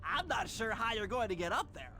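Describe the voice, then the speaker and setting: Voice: medium pitch, very animated, brisk, pushed and bright. An actor voicing a brainy, cautious cartoon animal sidekick in a video game, giving precise mission instructions. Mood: focused, cautious. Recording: game audio under music.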